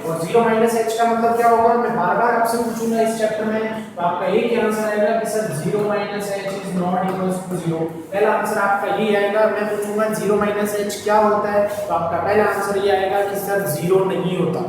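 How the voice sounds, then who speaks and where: A man's voice: high voice, flat delivery, a little fast, few pauses. A man teaching a maths lesson online, often asking students if they understand. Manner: repetitive, keeps checking understanding. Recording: echoey room, distant mic, noisy.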